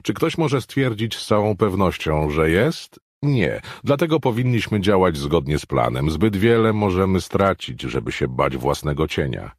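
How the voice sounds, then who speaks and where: An impatient, dismissive warden in a thriller audiobook, as a male narrator puts him on. The voice is low and husky, and he rises and falls broadly as he mocks his colleagues' fears. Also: sing-song, moderate pace, few pauses, no room sound, clean studio sound, full character voice. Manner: scornful, impatient. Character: dismissive male prison warden, brushing off worries.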